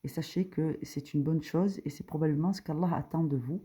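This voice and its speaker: With a low-pitched, mellow voice that has a breathy edge, a woman briskly walks through a diagram in a casual religious tutorial. She is a religious teacher who hesitates a lot and fills pauses, yet lifts her emphasis on the key points as she goes step by step.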